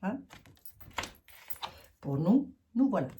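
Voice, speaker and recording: A woman's voice: mid-range voice, sing-song, slow, dark tone, muffled recording, slight background noise. A woman with a Lorraine French accent, reading cards and chatting frankly while thinking aloud with many fillers. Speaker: card reader. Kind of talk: casual card reading monologue.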